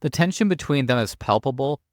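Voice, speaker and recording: A man's voice: mid-range voice, lively intonation, a little fast, dry recording, studio quality. A man reading scripted political commentary as a narrator, opinionated and declarative.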